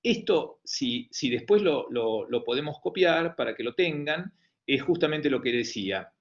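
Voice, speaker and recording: A man's voice: on the high side, animated, a little slow. A man with an Argentine Spanish accent giving an online medical lecture, hesitant, with many fillers and restarts. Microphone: video call. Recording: dull lo-fi online call audio.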